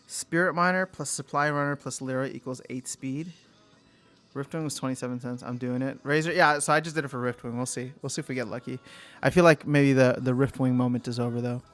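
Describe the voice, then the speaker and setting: A man's voice: mid-range voice, fairly even intonation, brisk, fairly bright tone, faint music behind. A young man hosting a casual livestream, thinking aloud, answering chat and trailing off mid-sentence. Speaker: livestream host.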